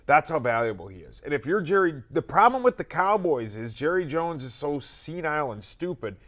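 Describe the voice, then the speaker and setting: A man's voice: fairly high pitch, very animated, fairly quick, a bit bright. An American man co-hosting casual sports talk, giving his opinions bluntly and with emphasis. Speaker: sports talk show co-host.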